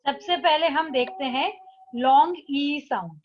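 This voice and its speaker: High-voiced woman teacher, slow and careful. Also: highs cut off. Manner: reads English textbook lines slowly, explains in Hindi. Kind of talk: textbook lesson explanation.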